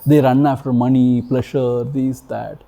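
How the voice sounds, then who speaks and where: Before an audience in a retreat hall, a man gives a spiritual discourse that is emphatic and repetitive, filled with rhetorical questions. His voice is medium in pitch, creaky and warm, with little pitch movement and a measured pace.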